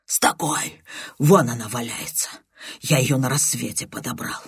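A reader doing a hoarse, grim man in a half-whisper. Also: medium pitch, normal speed, dry recording, studio quality, voice pushed down. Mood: grim accusing. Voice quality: torn hoarse shuffling voice. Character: hoarse desperate man, jealous friend. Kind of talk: audiobook character voice.

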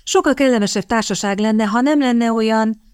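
A sharp-tongued young lady, as a woman reader voices her. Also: a little high, clear, resonant tone, no echo, studio quality, pitched above the performer's own voice, lightly acted. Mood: playful. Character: quick-witted young woman hunting a rich husband.

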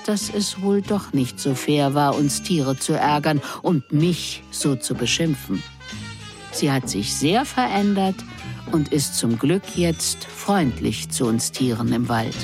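A woman reading a first-person story aloud in a measured, expressive way. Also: low-pitched. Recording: music underneath.

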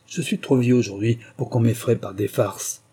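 A man reading an audiobook and voicing a sneering male squire who speaks sharp and defiant. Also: medium pitch, moderate pace, slightly rough. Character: arrogant angry young male squire, sneering.

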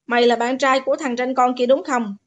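A woman's voice: high voice, fairly even intonation, fairly quick, natural voice. Woman putting on a stammering, frightened older man. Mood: angry.

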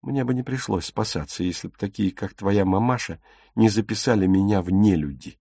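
A man's voice: lowish voice, brisk, creaky, dark tone, husky, no echo, clean studio sound. A man voicing a fierce, commanding young woman. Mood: bitter. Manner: commanding, scornful. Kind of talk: audiobook character reading.

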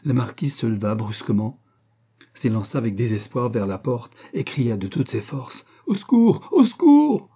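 A man reading a classic French tale aloud, with measured, dramatic storytelling. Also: fairly low pitch, warm tone, slightly rough. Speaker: audiobook reader. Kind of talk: literary narration.

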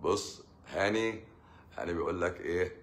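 A man with an Egyptian accent, a doctor, fields comments during a laid-back live stream, joking sarcastically and impersonating his patients. His voice sits low, and he talks at a normal speed.

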